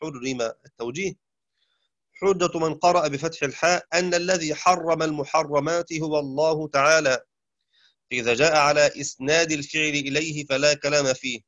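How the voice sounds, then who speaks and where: Man teaching in a measured way, dull dry sound. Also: on the high side, steady tone, fairly bright tone, no echo. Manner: measured, explanatory, with occasional chanted recitation. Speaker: Quran recitation teacher. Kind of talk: lecture.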